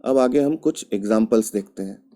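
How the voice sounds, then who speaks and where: A man from India teaching a language lesson, speaking slowly and patiently and repeating each example word several times. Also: lowish voice, dark tone.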